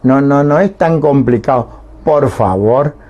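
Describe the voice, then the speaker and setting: Man, radio language teacher, slow speech, dark mellow tone, patient, keeps asking if it's understood. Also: mid-range voice, dull audio. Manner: patient, checks understanding with repeated questions. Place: radio studio.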